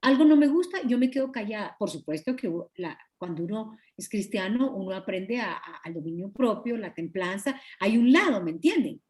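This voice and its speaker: A woman, a pastor's wife, teaching a Bible study over a video call with a Guatemalan Spanish accent, earnest and confiding, often clearing her throat. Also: medium pitch, animated, normal speed, hardly any pauses, a little mellow. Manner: earnest, confiding, acts out quoted dialogue.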